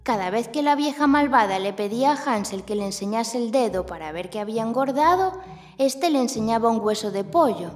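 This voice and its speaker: A woman's voice: a little high, a little fast, in a large hall. A woman speaking like a kids show host, narrating a scripted children's story to young listeners. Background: music.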